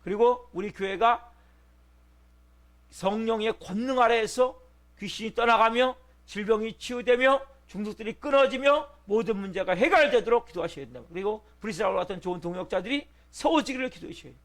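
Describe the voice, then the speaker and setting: Male pastor, high voice, Korean sermon delivery, rhetorical questions, bursts into acted shouting. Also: a little fast. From South Korea. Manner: preaching with rhetorical questions, acting out shouted cries for help.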